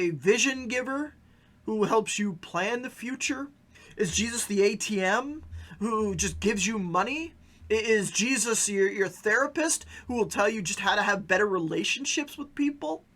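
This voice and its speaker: A male pastor hosts his own podcast in a preaching style. His voice is bright and forward, and he talks earnestly and emphatically. He often stumbles into quick restarts before pushing his point. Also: sits high.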